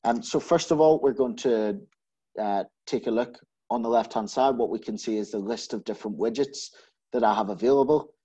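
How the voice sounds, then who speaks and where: A man giving a methodical screen-share software walkthrough, explaining each step with frequent filler sounds. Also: mid-range voice, normal speed, husky. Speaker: solutions architect giving a software demo.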